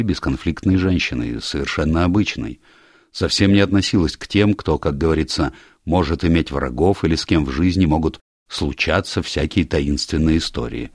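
A man reading an audiobook, voicing a calm country doctor who questions in a measured, deliberate way. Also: deep voice, no room sound, studio quality.

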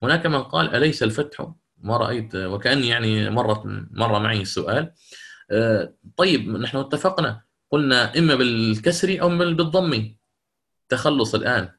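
A middle-aged man teaching recitation rules with a bright, forward tone. He explains patiently, step by step, often stopping to ask whether his students follow and to take their questions. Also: mid-range voice, animated. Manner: explanatory, pauses to check understanding and answer questions. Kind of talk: online lecture with recited examples.

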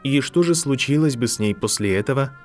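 A man reading an audiobook, voicing a composed older woman professor who speaks softly and sympathetically. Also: medium pitch, expressive, faint music behind, voice pushed up, natural voice. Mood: gentle. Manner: soft, sympathetic, measured. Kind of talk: audiobook narration.

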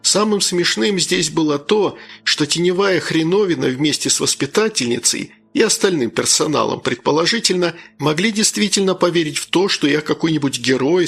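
A man narrates a first-person story in a dry, sardonic manner. His voice is husky and slightly high, with a gravelly edge and quiet music underneath. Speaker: audiobook narrator.

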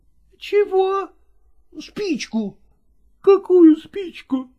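A reader putting on a shrill feisty peasant cook woman. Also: lively intonation, drawn-out words, muffled recording, full character voice. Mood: scolding. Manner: shrill, scolding folk speech. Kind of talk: dramatized story reading.

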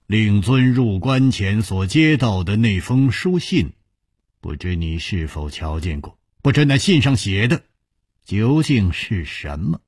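A man voicing a calm, amused hero swordsman in a storytelling broadcast, speaking low, slow and teasing. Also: breathy edge, no room sound, studio quality. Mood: probing.

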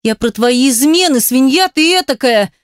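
A woman's voice: expressive, moderate pace, no echo, clean studio sound, lightly acted. A woman voicing a hysterical, venomous woman who hisses and shrieks sarcastic accusations at her ex. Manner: shrill, hissing, sarcastic.

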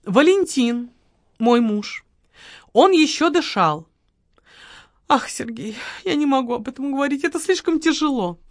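A woman's voice: sits high, animated, a little slow, long pauses, no room sound, studio quality, voice pushed up. A woman voicing a theatrical, self-pitying widow who pleads and sighs melodramatically. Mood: dramatic pleading.

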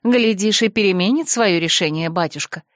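A woman voicing a young woman's gentle, persuasive older sister in an audiobook, folksy and soothing. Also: mid-range voice, normal speed, dry recording, studio quality, lightly acted. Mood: coaxing, stern. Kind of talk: audiobook character voice.

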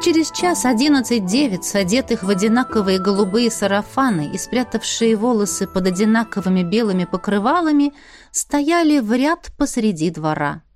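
A woman reading a fairy-tale audiobook in an even storytelling manner. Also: medium pitch, moderate pace, soft background music. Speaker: audiobook narrator. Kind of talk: scripted narration.

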